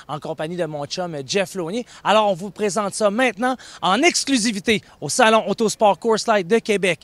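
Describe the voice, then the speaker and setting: A man in his forties with a Québécois accent, hosting a car show segment with lively energy. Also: high voice. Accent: Québécois French. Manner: energetic, playful. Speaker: host. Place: outdoors in a garden. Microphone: handheld mic.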